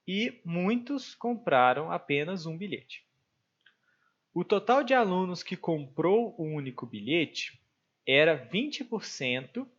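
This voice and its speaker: A Brazilian man teaches a math lesson, thinking aloud with plenty of filler words. His voice sits a little high for a man. The recording sounds dull and lo-fi. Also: fairly bright tone, breathy edge. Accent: Brazilian Portuguese. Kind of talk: explaining exam problems step by step.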